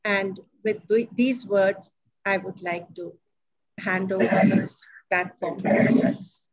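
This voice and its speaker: Slow, reflective woman's tribute. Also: medium pitch, fairly even intonation, highs cut off. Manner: unhurried and reflective, many "you know" fillers. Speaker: speaker at a memorial gathering. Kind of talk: heartfelt tribute speech.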